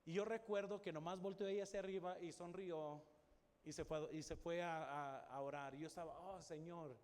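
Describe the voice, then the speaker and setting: Middle-aged man, pastor's sermon, somewhat high voice, long church reverb. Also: steady tone, fairly quick. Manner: storytelling, drops to soft voice for quoted prayers. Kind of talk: sermon with personal story. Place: large church hall. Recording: long church reverb, faint room noise.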